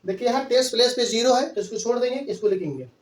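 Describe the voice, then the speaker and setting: A man's voice: very high-pitched, lively intonation, fast. A man teaching a maths lesson in Hindi-English mix, patiently counting out place values step by step. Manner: patient, repetitive counting aloud. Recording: echoey room, voice from far off.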